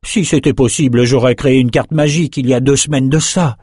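A man's voice: mid-range voice, steady tone, a little fast, darkish tone, slightly rough, no echo, clean studio sound, pitched above the performer's own voice, lightly acted. A man voicing a weary, pompous male sorcerer in a fantasy audiobook, testy and haughty. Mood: irritated.

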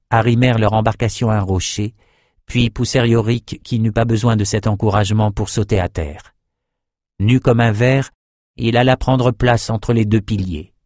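A man narrates a dark fantasy audiobook in a measured, grave way. His voice sits low, and the recording is dry and close with no room sound. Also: dry recording. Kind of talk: scripted narration.

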